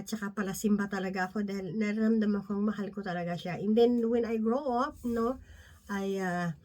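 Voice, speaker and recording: A woman's voice: on the high side, darkish tone. A woman preaching a casual Bible lesson, often checking in with "no?" and "di ba?", mixing in English phrases and laughing lightly. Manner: conversational, often tags lines with "no?" and "di ba?"; mixes English phrases into her talk. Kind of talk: Bible teaching talk.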